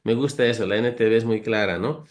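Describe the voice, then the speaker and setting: A man's voice: fairly low pitch, a little fast. Earnest man teaching Bible verses. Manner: earnest, explanatory, reads verses aloud and lists virtues; homely, humorous comparisons, addresses listeners as brothers.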